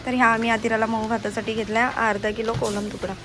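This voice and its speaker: A woman's voice: on the high side, level tone, fast talker. A young woman vlogging with a phone while shopping, coaxing and scolding her small child as she goes. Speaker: vlogger and mother. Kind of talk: casual vlog while shopping. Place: busy market outdoors and in a shop. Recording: noisy market background.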